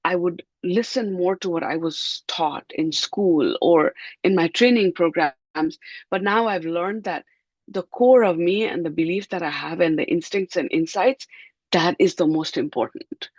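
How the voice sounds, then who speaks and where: A middle-aged woman from Nepal, a guest giving thoughtful, measured answers in an interview, drawing out words for emphasis. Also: on the low side, darkish tone, dry recording, dull audio.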